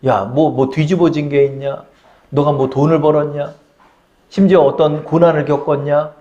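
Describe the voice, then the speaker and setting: A man's voice: fairly high pitch, level tone, normal speed, warm tone, dull audio, pitched below the performer's own voice, close to an everyday voice. A male pastor voicing the devil as a sly tempter who mocks and sows doubt. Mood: taunting. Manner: mocking, whispering doubts.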